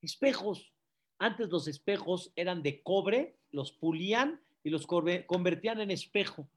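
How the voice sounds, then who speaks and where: Rabbi giving a sermon, high pitched, takes his time, keeps asking the ladies questions. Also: animated, a little slow. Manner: storytelling, quizzes the audience.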